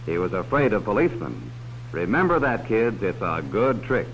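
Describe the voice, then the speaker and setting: Speaking at a normal speed in a lowish, very animated voice, a man plays the cautionary narrator of a 1950s educational film. He warns children about strangers, addressing them directly in a folksy way and asking leading questions. The recording is a dull, hissy 1950s film soundtrack.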